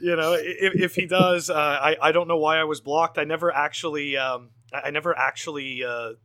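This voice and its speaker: A man with a fairly high, bright, sharp-edged voice, chatting as a podcast guest. He stammers and restarts his sentences often. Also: fairly even intonation, brisk. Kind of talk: casual podcast conversation.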